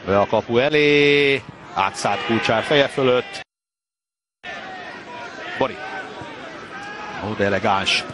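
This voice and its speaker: A man's voice: medium pitch, long pauses. A man working as a football commentator, following the play live. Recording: crowd and noise, live match broadcast.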